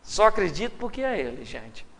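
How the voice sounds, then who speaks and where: A man's voice: high voice, moderate pace, crowd noise. A Brazilian Portuguese-accented man preaching a sermon to a live audience, telling stories with humor and acting out the quotes. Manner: humorous, animated storytelling with acted quotes. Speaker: pastor. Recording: live hall recording with long reverb.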